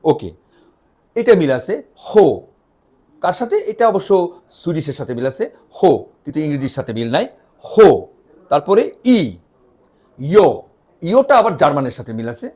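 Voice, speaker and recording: A man teaching an online language lesson, spelling out letters one by one and drilling their sounds, often asking questions and answering them himself. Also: on the high side. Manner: animated, spells letters out slowly with repeated drills.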